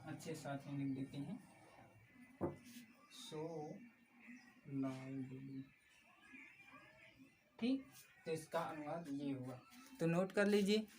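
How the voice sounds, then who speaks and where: A woman's voice: deep voice, slow pace, pauses often. Woman teacher explaining grammar step by step, repeats herself patiently, recorded a little off-mic with faint room noise. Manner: patient, repeats key points, addresses viewers as friends. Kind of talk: explanatory classroom lesson. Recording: slightly distant mic with faint background noise.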